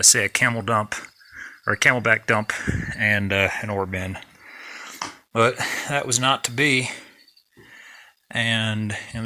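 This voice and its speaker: A man with a very sharp, bright, forceful voice walks viewers through an underground mine. His delivery is casual and plain-spoken, and he often halts on fillers as he goes. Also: medium pitch. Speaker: mining vlog host. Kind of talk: casual on-site walkthrough.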